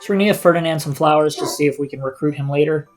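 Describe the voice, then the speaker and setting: A man's voice: fairly high pitch, racing. A man giving casual live gameplay commentary as a streamer, indoors over game audio. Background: game music.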